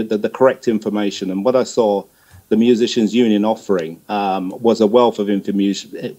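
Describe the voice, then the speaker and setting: As a guest being interviewed, a middle-aged music promoter and manager answers conversationally in a fairly low, darkish voice. His delivery is hesitant, and he often repeats words while finding his way.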